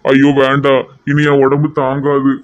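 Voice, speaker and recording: A man's voice: mid-range voice, monotone, normal speed, lightly acted. A man playing a lying, self-pitying bigamist husband in a comedy sketch. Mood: pleading. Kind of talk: amateur comedy sketch acting. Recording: dull lo-fi sound.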